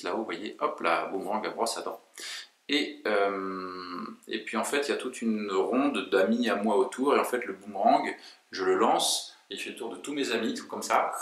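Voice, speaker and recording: A man coaching memory techniques, telling jokes in an animated, self-mocking way. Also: fairly low pitch. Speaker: memory coach, video host. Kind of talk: memory lesson with told jokes. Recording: very echoey room, mic far off.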